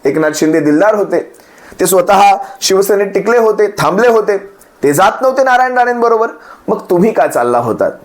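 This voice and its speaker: A man's voice: high voice, animated, a little fast. A man speaking as a party spokesperson, attacking a rival with rhetorical questions and repeated phrases. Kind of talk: political speech addressing opponents.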